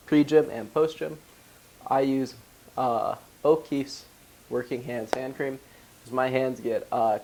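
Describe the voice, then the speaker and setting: Going through his gym bag product by product, this congested young vlogger from Wisconsin chats about ingredients while his voice gives out a little. He has a medium-pitched, darkish voice with vocal fry, and the rough recording carries a little hiss or hum.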